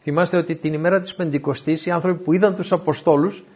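A man giving a Bible teaching talk, a lively storyteller who asks his listeners questions. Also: fairly high pitch, husky. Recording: dull, muffled lo-fi recording.

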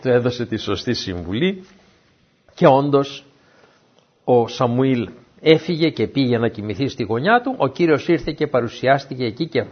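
A man preaching from the Bible with a husky, slightly raised voice that swings widely up and down as he tells the story. He keeps asking his listeners questions as he goes. The recording is dull and muffled. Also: mid-range voice. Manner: lively storyteller who asks the listeners questions. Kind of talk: Bible teaching talk.

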